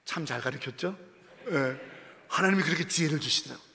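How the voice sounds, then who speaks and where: Middle-aged male pastor with a bright, high voice. Fervent sermon delivery in a reverberant church hall. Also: brisk, vocal fry. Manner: fervent, emphatic preaching with repeated exclamations. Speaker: senior pastor. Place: church sanctuary.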